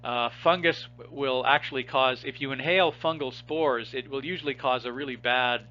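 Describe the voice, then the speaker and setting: Male lecturer with a bright, forceful voice, patient and explanatory, checking in with his students; muffled lo-fi sound. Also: mid-range voice, normal speed, slight background noise. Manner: explanatory, asks students rhetorical questions, frequent restarts. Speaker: biology instructor. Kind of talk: recorded lecture.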